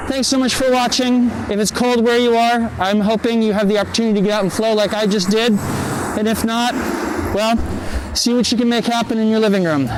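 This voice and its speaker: Host read: breathless, chatty man, pitch sitting high, faint music under, outdoors. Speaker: poi spinning channel host. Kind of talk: casual vlog talk to camera. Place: outdoors on a cold evening.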